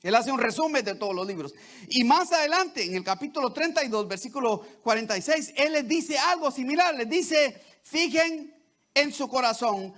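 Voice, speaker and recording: A man's voice: very high voice, expressive, fairly quick, a bit bright. A man preaching a sermon to his congregation, often checking in with "¿verdad?" and "¿sí?". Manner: repeats "¿verdad?" and "¿sí?" to the congregation, with many restarts.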